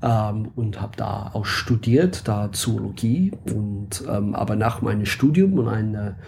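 A man's voice: fairly low pitch, expressive, a little slow, creaky, a little mellow, a little hiss or hum. A man from England with an English accent, a guest in a casual interview, speaking hesitantly with many fillers and searching for words.

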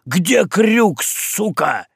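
A man's voice: mid-range voice, sing-song, a little slow, vocal fry, breathy edge, no echo, studio quality, heavily acted. A man doing a bellowing, hot-headed boatswain. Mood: angry. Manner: shouting, bossy. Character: loud, hot-tempered male boatswain.

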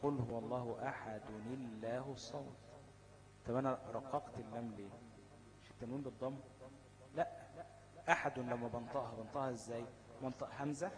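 Fast-talking Egyptian male teacher. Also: mid-range voice, rough recording. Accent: Egyptian Arabic. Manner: asks the class questions and answers them himself; checks in constantly with "okay?". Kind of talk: classroom lesson on Quran recitation rules.

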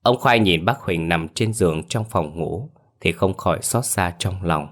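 Người đàn ông giọng rất trầm kể truyện ma. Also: male voice, deep voice, fairly bright tone. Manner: dramatic, measured storytelling. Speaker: storyteller. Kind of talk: scripted horror narration.

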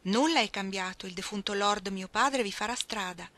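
A woman's voice: medium pitch, moderate pace, a bit bright, lightly acted. A woman reading the lines of a passionate noblewoman who cries out in ecstasy in a storybook reading. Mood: exalted.

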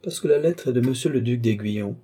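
A man's voice: mid-range voice, fast talker, mellow, husky, close to an everyday voice. A man voicing a wary, deferential male secretary in an audiobook, teasing his master. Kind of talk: audiobook character reading.

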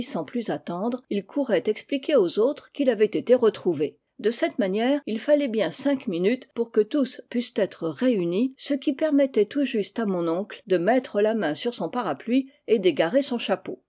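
Mellow woman reading a novel aloud. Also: medium pitch. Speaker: audiobook reader. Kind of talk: audiobook narration of a humorous novel.

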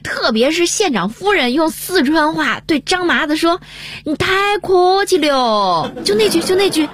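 一位女主持人用俏皮的口吻进行广播闲聊。. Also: female voice, extremely high pitch, animated, moderate pace, fairly bright tone. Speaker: radio show co-host. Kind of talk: scripted casual chat.

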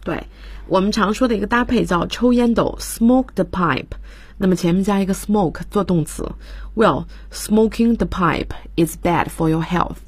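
A woman's voice: medium pitch, normal speed, husky, no room sound. A woman teaching English vocabulary on a radio lesson, explaining patiently and spelling words out letter by letter. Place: radio studio.

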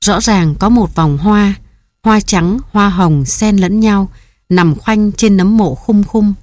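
A woman reading a story aloud in measured, even audiobook narration, pausing to read editor's notes. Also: mid-range voice, dry recording, studio quality.

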